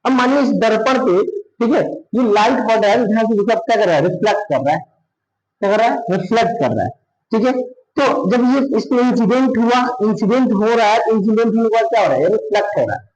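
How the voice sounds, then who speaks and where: This science teacher has a Bihari Hindi accent and a high-pitched, darkish voice that is lively and fast. During the classroom lesson he asks questions, answers them himself, and frequently says "thik hai," and the room echoes.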